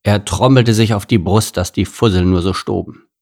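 Gravelly male storybook narrator. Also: on the low side, fairly even intonation, normal speed, a little mellow. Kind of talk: storybook reading.

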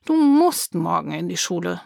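A woman voicing a patient, loving father who reasons with his daughter in a gently firm, coaxing way, in a storybook reading. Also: lowish voice, big pitch swings, moderate pace, creaky, no echo, clean studio sound, heavily acted.

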